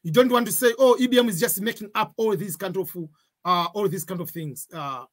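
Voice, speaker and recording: A man's voice: sits high, fairly quick. Man giving a patient tutorial. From Tanzania. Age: 40s. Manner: repeats points, gives examples, cautionary tone. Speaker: online tutor. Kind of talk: screen-share tutorial.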